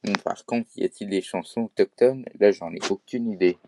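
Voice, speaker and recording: A man's voice: on the low side, moderate pace, vocal fry, darkish tone, a little hiss or hum. A man with a Québécois accent talking casually to camera in a vlog, hesitant, with many fillers and restarts. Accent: Québécois French. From Quebec. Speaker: vlogger.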